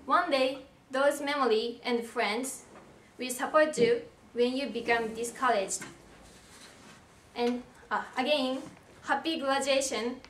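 Young woman slowly reading a speech. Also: sits high, a little hiss or hum. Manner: slow, careful, reading from notes. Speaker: commencement speaker. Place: indoor hall with a lectern. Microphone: far camera. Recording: roomy hall sound from far off.

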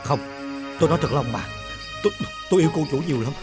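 A humble young servant, acted by a man in a folk tale film, pouring out his love in an earnest, pleading voice. His pitch rises and falls a lot. Music plays clearly in the background. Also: animated, very fast, close to an everyday voice. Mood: lovesick. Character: lovesick young male servant.

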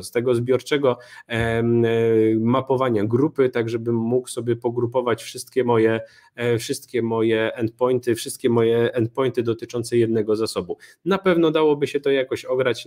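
Young male speaker, live coding demo from a small home room, relaxed, halting delivery. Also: mid-range voice. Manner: relaxed, many fillers and restarts. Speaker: conference speaker.

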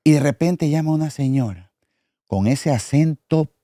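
A man, a podcast host telling stories in an animated way in casual chat. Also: fairly high pitch, normal speed, dry recording, studio quality. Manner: animated storyteller, laughs often.

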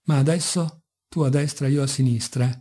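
A man's voice: medium pitch, fairly even intonation, moderate pace, mellow, close to an everyday voice. A man voicing a mocking, brooding young intellectual in an audiobook, speaking with bitter irony. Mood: ironic. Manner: ironic, bitter, sometimes passionate.

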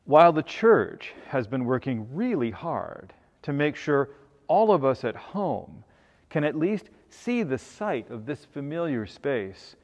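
An older man, a bishop, preaching a sermon with a measured, earnest manner. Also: medium pitch, vocal fry, darkish tone, long reverb tail, muffled recording. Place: cathedral sanctuary, then a home dining room.

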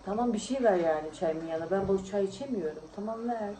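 A woman's voice: mid-range voice, quick pace, dark tone, a little hiss or hum, rough recording. A tired woman vlogging in casual, teasing chat with friends at a friend's home. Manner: chatty, teasing, often laughing.

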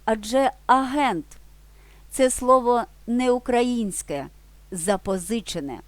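A woman teaching a language lesson in a scripted video, slowly and clearly reading out word pairs. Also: fairly high pitch, no echo.

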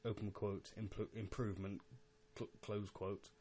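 A young man, a little drunk, giving a casual, halting, rambling monologue with repeated words and some swearing, as a podcast host. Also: on the low side, flat delivery, dark tone, slight background noise. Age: young adult.

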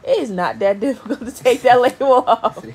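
A young woman vlogging casually at home, her voice scratchy from just waking up, chatty and quick to laugh. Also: on the high side. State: scratchy morning voice. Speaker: family vlogger. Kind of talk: casual family vlog chat.

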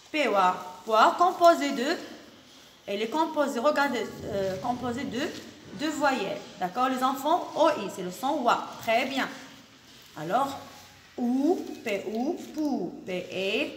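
A woman teaching kindergarten children, speaking slowly and patiently and repeating her questions. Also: a little high, a bit bright, slight background noise. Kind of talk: teaching a class of young children. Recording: echoey room recorded from far off.

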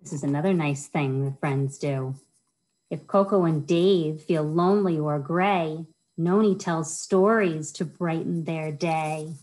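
With a deep, a little mellow voice at a measured pace, a middle-aged American woman serves as storytime host and children's librarian, reading and chatting simply to young listeners and asking them questions. The setting is a small wood-panelled room indoors, and the poor audio comes from a webcam or laptop at arm's length.

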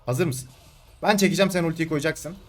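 A young man casually commentating his own gameplay, taunting and yelling at the screen, then calming down to explain his moves. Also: a little high, fairly quick. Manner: excitable, shouts and taunts at the game, swings between calm and loud.

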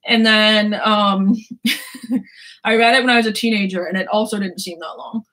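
A book vlogger in her twenties chats casually about books, rambling, laughing and swearing freely despite a sore throat. Her mid-range voice has fairly even intonation, a normal speed and a fairly bright tone.

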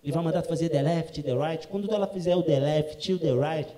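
A man with a high, bright-pitched voice tells a crude comic anecdote as host. He swears freely, breaks into shouts and mangled English. A loud live audience laughs and reacts around him. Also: brisk, echoey room, crowd noise. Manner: profane, bursts into shouting, mock broken English. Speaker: comedian host. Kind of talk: stand-up storytelling.

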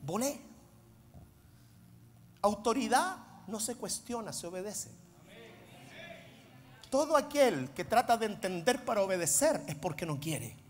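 A man preaching a sermon, swinging between loud emphatic declarations and low, intense asides. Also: big pitch swings, unhurried, pauses often. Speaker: apostle preaching. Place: church hall. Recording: long reverb of a large hall.

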